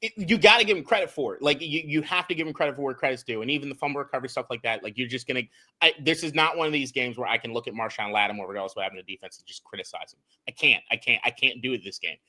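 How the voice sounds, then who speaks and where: Animated, bright-voiced man breaking down game film. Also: medium pitch, racing. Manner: animated, swears, laughs, repeats and restarts words. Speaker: podcast co-host and film analyst. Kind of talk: casual sports podcast chat.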